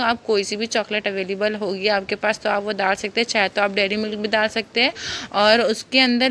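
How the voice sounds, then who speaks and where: Slight background noise accompanies a young cooking vlogger whose voice is on the high side, bright and forceful. She explains a home recipe step by step in her kitchen, chatty and filler-heavy, with a phone camera filming her hands from above.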